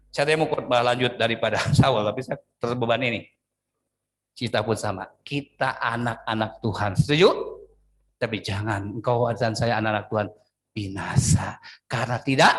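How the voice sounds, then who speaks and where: A man pastor preaching a sermon with an Indonesian accent, swinging between loud emphatic lines and drawn-out, quieter phrases. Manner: animated preaching with sudden pitch swings and drawn-out words.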